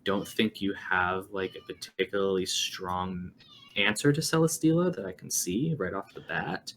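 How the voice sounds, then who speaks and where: Male co-host, fairly low pitch, casual hedging analysis, slight noise behind him. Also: moderate pace, fairly bright tone. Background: faint noise, cat meowing at times.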